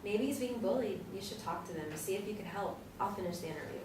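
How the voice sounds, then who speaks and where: A deadpan young woman, played by an actress snaps back quick, dry remarks at a brisk pace. The voice sounds distant in a roomy space, with a faint hiss behind it. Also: medium pitch, close to an everyday voice. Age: 20s. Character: dry, sardonic young woman selling ice cream.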